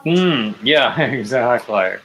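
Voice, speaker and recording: A man's voice: mid-range voice, animated, slow pace, a bit bright, low-quality recording. A man in his fifties hosting a casual knitting livestream, hesitant and self-deprecating, with dry jokes and many restarts. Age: 50s. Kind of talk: casual chat while knitting.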